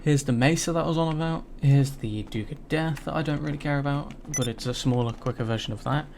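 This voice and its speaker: A man's voice: a little high, brisk, creaky, darkish tone, slight background noise. A man giving casual, rambling gameplay commentary, swearing now and then as he gets mildly frustrated. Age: 20s. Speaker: gaming YouTuber.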